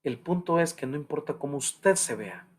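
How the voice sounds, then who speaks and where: Fervent high-voiced male preacher. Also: animated, normal speed. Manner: preaches with rising fervor, jokes and asks the congregation questions. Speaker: pastor. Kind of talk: sermon. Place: church.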